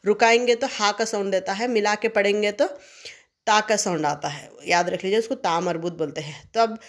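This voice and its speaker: A woman's voice: medium pitch, normal speed. Woman teacher doing exam prep, keeps saying okay?, asks stuff then answers it herself. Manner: explains step by step, asks and answers her own questions; checks in with "okay?" often. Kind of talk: exam revision lesson.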